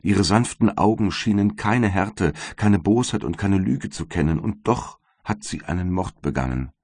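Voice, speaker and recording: Storybook: grieving young noblewoman, pleading and sorrowful, as a male reader puts her on, very low voice. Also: animated, normal speed, darkish tone, dry recording, clean studio sound.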